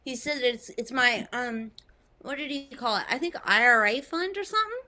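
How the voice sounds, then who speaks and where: Lady doing a ditzy young street worker, high bright voice that bounces all over, totally unbothered. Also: lively intonation, normal speed. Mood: clueless. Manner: airy, matter-of-fact and clueless. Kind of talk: improv comedy character.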